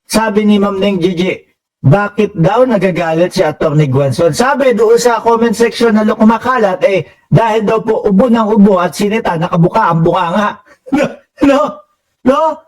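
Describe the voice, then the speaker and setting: Filipino guy vlogging, high voice, teasing and laughing a lot, sits a bit back from the mic. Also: moderate pace, far from the mic, poor audio. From Philippines. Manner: mocking, laughs often, addresses viewers as bossing. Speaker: political commentary vlogger. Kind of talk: casual commentary reading viewer comments.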